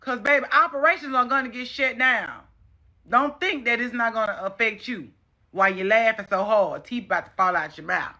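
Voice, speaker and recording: A woman's voice: a little high, moderate pace, bright, forceful tone. A woman with a Southern US accent giving an impassioned, casual social media rant, scolding and repeating phrases for emphasis.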